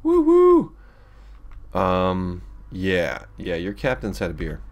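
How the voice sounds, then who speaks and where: A man's voice: sits low, steady tone, takes it slowly. A man hosting a let's play who gives casual, rambling commentary as he flies, with frequent restarts and chuckles.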